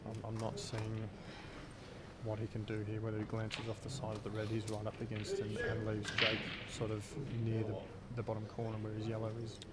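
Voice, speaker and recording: A man commentates a pool match in a flat, even tone, chatty and joking, tripping over his words. A loud crowd roars around him in the venue. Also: fairly low pitch, brisk. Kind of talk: live sports commentary.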